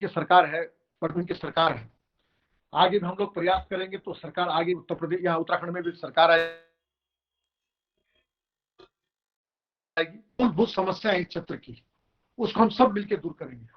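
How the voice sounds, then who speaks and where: A man giving earnest, halting answers as a local politician over a phone line whose glitchy, time-smeared, echoing audio breaks up. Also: high-pitched.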